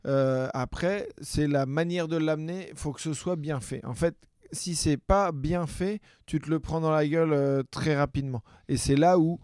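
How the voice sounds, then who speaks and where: A man's voice: a little high, moderate pace, darkish tone, smooth, no room sound, clean studio sound. A man as a comedian guest in casual podcast conversation, speaking hesitantly with many self-corrections.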